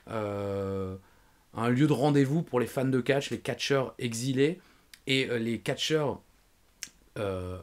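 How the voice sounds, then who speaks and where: A man hosting a podcast, chatting casually and telling rambling, self-mocking travel anecdotes. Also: medium pitch. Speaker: podcast host.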